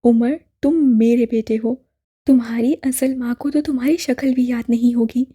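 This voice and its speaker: A woman's voice: fairly high pitch, steady tone, normal speed, dark tone, breathy edge. A woman voicing an adoptive mother who insists tearfully on her love, in an audiobook drama. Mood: pleading. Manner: insistent, emotional.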